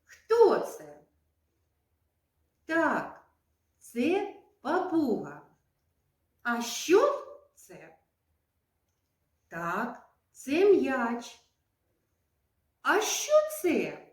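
A woman kindergarten teacher giving a lesson to young children, speaking slowly and clearly in a sing-song teacherly way. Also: sits high, huge pitch swings. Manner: slow, clear, sing-song teacherly speech with drawn-out words. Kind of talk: preschool lesson addressed to children. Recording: echoey room, voice from a distance.

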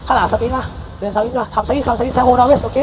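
A man calling shots in a game battle, barking rapid repeated commands and countdowns, mixing English callouts into his speech. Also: very high-pitched, steady tone, slight background noise, rough recording. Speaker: guild war shotcaller. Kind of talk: live game commands over voice chat.

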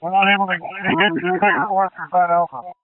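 A man's voice: high voice, steady tone, fairly quick. A man speaking as a firefighter over two-way radio, delivering urgent, clipped reports from the field. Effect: two-way radio transmission. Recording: narrowband fire radio transmission.

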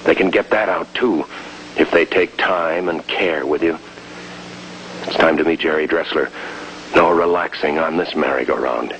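In a 1950s TV crime drama, an American lead actor and voice-over narrator plays a tense, watchful undercover agent in his prime. His very deep male voice moves at normal speed, grave and clipped, delivering terse narration. The film soundtrack is muffled and noisy.

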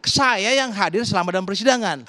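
A man's voice: sits high, quick pace, pushed and bright. A man, a defense lawyer, arguing insistently in a heated televised debate and cutting in often. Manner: insistent, interrupting.

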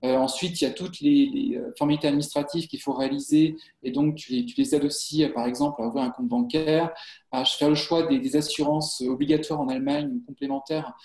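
A man in his forties from France, hosting a live job-search webinar on a webcam, halting with many fillers and restarts. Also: fairly high pitch, fairly even intonation, darkish tone. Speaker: webinar host, job site co-founder. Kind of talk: hesitant live webinar talk. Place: office with a printed wall behind. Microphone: webcam on a video call. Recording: echoey room on a webcam.

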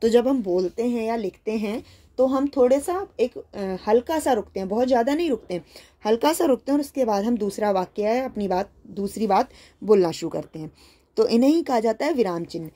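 Calm woman teacher with a mellow voice. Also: a little high, a little fast. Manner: patient explaining, repeats and rephrases points. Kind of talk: school worksheet lesson.

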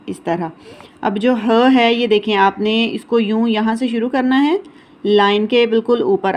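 Patient woman teaching children letter sounds. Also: a little high. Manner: patient, repeats letter sounds slowly, checks in with "theek hai". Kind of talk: recorded online lesson for young children.

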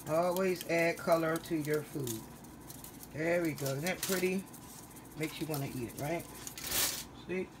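A tired woman with a fairly low voice, just off a long workday, chats casually while walking through a home recipe in her kitchen, filming on a handheld phone. As a home cook vlogger, she keeps repeating "all right?" and "guys," and the background is noisy.

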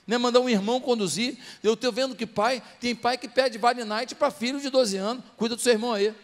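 A man's voice: very high voice, brisk, long reverb tail. A man preaching a sermon as pastor in a church, full of passionate rhetorical questions to the congregation.

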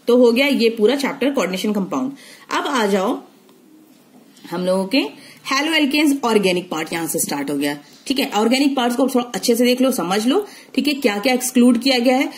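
Brief: young woman chemistry teacher, slightly high voice, repeats points and checks in with "theek hai". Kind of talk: online syllabus lesson.

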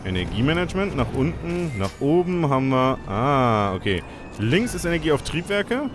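A man's voice: medium pitch, very animated, normal speed, noisy background. A man giving casual let's play commentary, thinking aloud and exclaiming as he reacts to the game. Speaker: let's player. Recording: game music behind commentary.

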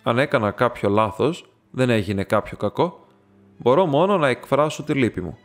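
A man reading aloud, voicing a calm, dry-witted male detective who speaks in a polite, measured way. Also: medium pitch, soft background music, natural voice.

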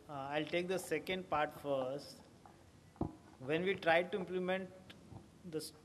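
A man's voice: on the high side, slight background noise. Man at a podium in a reverberant hall. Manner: explanatory, steady, with fillers and restarts. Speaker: conference speaker. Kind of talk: answering audience questions at a conference. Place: large auditorium, at a podium. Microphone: podium microphone. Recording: long hall reverb, faint ambience.

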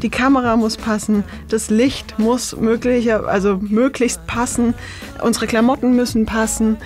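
A woman's voice: fairly high pitch, fairly even intonation, moderate pace, music in the background. A woman in her late twenties chatting casually in a documentary interview, with many fillers and frequent laughs. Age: 20s. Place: cinema auditorium.

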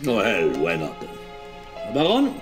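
An evasive hunting-club gentleman. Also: lowish voice, wildly swooping pitch, slow pace, over music, exaggerated voice. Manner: smooth, evasive, hedging.

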